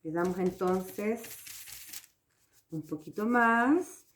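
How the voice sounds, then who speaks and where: A woman's voice: mid-range voice, drawn-out words, slight background noise. A woman from Chile, patiently walking viewers through a craft project step by step and checking they follow. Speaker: craft teacher. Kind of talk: hands-on craft tutorial.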